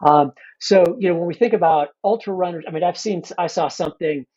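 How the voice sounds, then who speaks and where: Fifty-something guy rambling through an interview, lots of you know, kinda husky and muffled. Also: high-pitched, a little fast, a little mellow. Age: 50s. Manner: rambling, many restarts and "you know" fillers. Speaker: guest coach. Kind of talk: casual interview talk.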